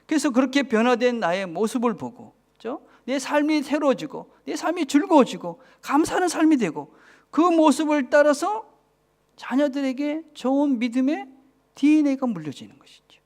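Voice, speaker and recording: Pastor, male, 40s, Busan accent, expressive sermon voice that swoops up and down and checks in with the pews. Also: very high voice, normal speed. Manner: keeps asking the congregation for agreement, drops to a whisper for emphasis. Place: church.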